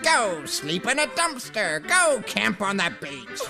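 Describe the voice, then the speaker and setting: A cruel cartoon villain landlord, slow and sneering. The delivery swoops theatrically through greedy demands and insults, with music behind. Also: female voice, medium pitch, sing-song. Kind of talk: rhyming stage-villain melodrama.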